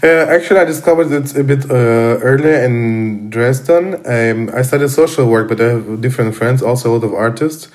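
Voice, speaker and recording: A man, a guest speaking casually in English, pausing often with fillers and restarts. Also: medium pitch, a little mellow. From Armenian, raised in Russia. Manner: halting, many fillers and restarts. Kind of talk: casual conversation.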